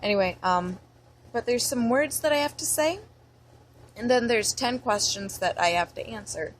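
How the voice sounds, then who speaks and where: A woman's voice: fairly high pitch, normal speed, a little hiss or hum, rough recording. A young American woman talking in a casual vlog, rambling and chatty as she reads through a word list. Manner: rambling and chatty, with many fillers. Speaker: vlogger.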